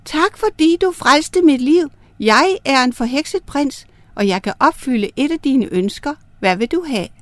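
A woman's voice: mid-range voice, hardly any pauses, clear, resonant tone, no echo, natural voice. A woman voicing an enchanted fish who is a bewitched prince, speaking solemnly in a storybook tale. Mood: grateful.

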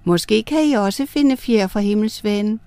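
A woman narrating star myths and a fairy tale for children, reading in a clear, gentle way. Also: medium pitch, no echo. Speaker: storyteller.

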